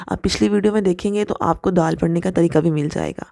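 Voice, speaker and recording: A woman's voice: lowish voice, creaky, darkish tone, no room sound, studio quality. A woman teaching Quran recitation rules step by step. She patiently explains and demonstrates each letter sound. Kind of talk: step-by-step tajweed lesson.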